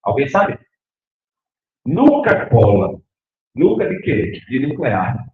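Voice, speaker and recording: With a Northeastern Brazilian accent, a middle-aged professor delivers an animated academic lecture at normal speed, his voice a little high, often asking his listeners questions. The recording has the echo of a lecture hall and a thin, phone-like quality.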